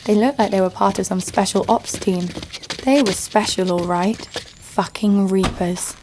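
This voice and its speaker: In a scripted first-person audio drama, a woman plays a tough, sardonic fighter narrating her own story with dry, wry humour. Her mid-range voice is unhurried and close to everyday speech, with a noisy background behind it.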